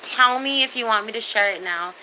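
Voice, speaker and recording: Fairly high in pitch and a little fast, her voice has a sharp tone. She's in her thirties, chatting loosely on a livestream, speaking directly to viewers and reading comments in slangy, foul-mouthed language. Recording quality is low, with faint background noise.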